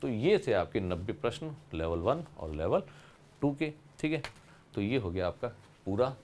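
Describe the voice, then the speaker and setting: A man's voice: lowish voice, sing-song, measured pace, a little mellow, slight background noise. A man teaching an exam solution lesson with a Rajasthani accent, explaining step by step and answering his own questions.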